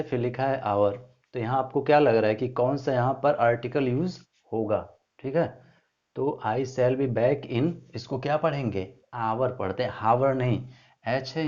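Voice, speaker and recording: A man teaching English grammar for an entrance exam, reading example sentences slowly, asking the class rhetorical questions and checking in often. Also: medium pitch, darkish tone. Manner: asks rhetorical questions of the students; repeats "ठीक है" as a check-in. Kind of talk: exam-prep grammar lesson. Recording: dull lo-fi sound.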